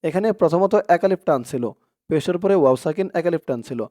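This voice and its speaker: A man teaching Quran reading. He chants each Arabic word slowly and loudly, then explains the pronunciation rules in quick, soft speech. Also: fairly high pitch, dry recording, studio quality. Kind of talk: Quran reading lesson, recitation with Bengali explanation.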